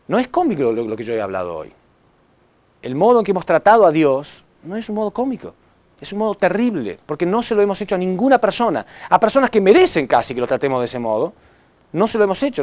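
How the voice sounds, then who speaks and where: A man preaching a sermon to a congregation, impassioned, swinging between loud appeals and hushed words, often asking the audience questions. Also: fairly high pitch, no room sound. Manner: addresses audience with rhetorical questions.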